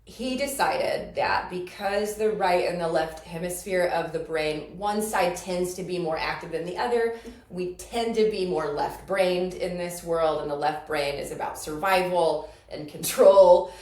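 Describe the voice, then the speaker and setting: A woman's voice: fairly low pitch, unhurried, a little mellow. A woman who works as an energy practitioner, explaining her method in casual podcast chat and laughing often. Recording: roomy, distant mic.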